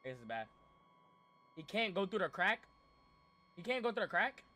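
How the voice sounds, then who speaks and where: His voice sits high with big swings in pitch, delivered at a moderate pace in a pushed, bright way. A young adult man on a casual horror-game livestream, he talks to chat and reacts in slang, repeating exasperated pleas. He's clearly losing it, his voice strained, clearing his throat again and again.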